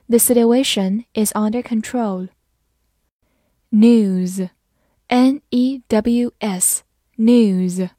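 A woman teaching English vocabulary in a scripted lesson, explaining meanings, spelling words out letter by letter and reading example sentences slowly. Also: fairly high pitch, mellow, no echo, studio quality.

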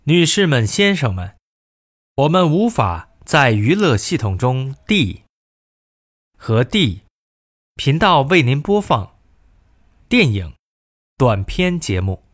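A man reading formal in-flight cabin announcements aloud for a course, in a measured, formal manner. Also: medium pitch, sing-song, no room sound, studio quality. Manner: measured, formal announcement delivery in two languages. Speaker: language course reader.

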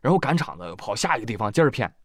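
A man's voice: mid-range voice, big pitch swings, rapid-fire, background noise. A man giving comic news commentary, wisecracking and often laughing.

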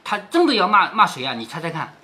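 A man reading a classic novel aloud to his daughter, pausing to explain and asking rhetorical questions. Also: high-pitched, wildly swooping pitch, pushed and bright. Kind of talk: storytelling with explanations.

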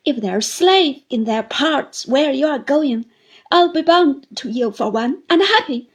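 Voicing a desperate, clinging elderly woman in tearful pleading, a woman lets out high wailing appeals that collapse into sobs. The full character voice is very slow and darkish, with lively intonation.

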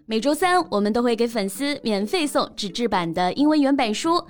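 A woman's voice: a little high, animated, fairly quick. Playful young woman co-host. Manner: playful, joking. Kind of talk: bilingual casual chat.

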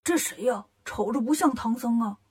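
A woman's voice: a little high, normal speed, slightly rough. A woman voicing a grumbling male lion demon chief in a storybook reading.

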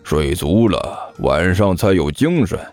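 A male narrator voicing a grumpy, gruff older master swindler who scolds his apprentice in an audiobook story. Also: low-pitched, big pitch swings, slow pace, a little mellow, faint music behind, voice pushed down, heavily acted. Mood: drowsy.

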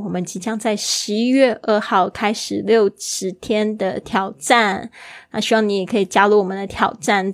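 A woman's voice: medium pitch, no echo. A woman hosting a bilingual English lesson, patiently explaining and spelling out vocabulary, her throat a little sore. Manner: explains words patiently, repeats and spells them out. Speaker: English teacher and podcast host.

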